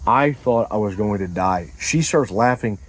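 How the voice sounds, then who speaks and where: A man telling a comedic story in casual chat, animated and profane, acting out scenes with sound effects and quoted lines. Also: lowish voice, moderate pace, a little hiss or hum, low-quality recording.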